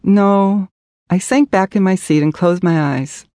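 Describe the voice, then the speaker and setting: A woman narrating her own memoir as an audiobook, measured and earnest. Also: fairly low pitch, mellow, no echo, studio quality.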